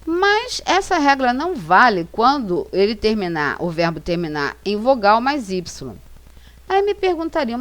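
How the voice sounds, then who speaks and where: A Brazilian woman with a Brazilian Portuguese accent, an English teacher narrating a slide lesson and reading example sentences slowly and carefully. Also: a little high. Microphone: voice-over for slides.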